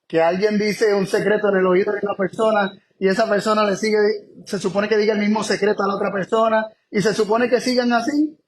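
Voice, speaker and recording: Man, high voice, preacher, Bible study sermon, emphatic, repeats phrases. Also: steady tone. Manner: emphatic, repeats key phrases, shifts between slow stress and quick asides.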